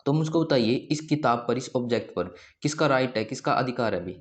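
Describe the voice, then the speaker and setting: A man's voice: mid-range voice, a little fast. A man teaching a grammar lesson, who keeps asking questions and answering them himself.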